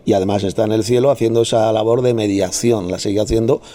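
Speaking fast in a lowish, dark voice with fairly even intonation, a man runs a contentious Bible study. He expounds on verses with certainty and combatively scolds and makes fun of his opponents.

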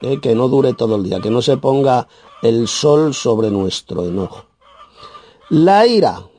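A man with a Spain Spanish accent preaching a verse-by-verse sermon, emphatic and scornful, with sudden loud, high bursts and a habit of tagging his points with "¿eh?". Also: normal speed. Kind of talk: sermon, verse-by-verse Bible exposition.

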